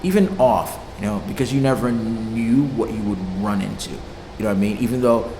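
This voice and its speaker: A young man raised in Haiti, a music producer, chats casually in an interview using loose slang, swearing, frequent fillers and easy laughter. His voice is on the low side and a little fast. The room is echoey with long reverb and clear background noise.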